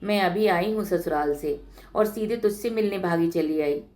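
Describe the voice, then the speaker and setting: A woman's voice: on the low side, moderate pace, darkish tone, close to an everyday voice. A woman voicing an eager, spirited young married village woman in a read-aloud story.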